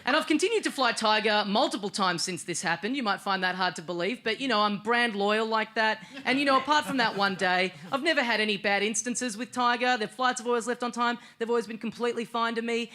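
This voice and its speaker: A man with an Australian accent performing a stand-up comedy set on a television stage, telling a story in a deadpan way with sudden shouted bursts. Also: extremely high pitch, quick pace, few pauses. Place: television studio stage with live audience. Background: audience laughter.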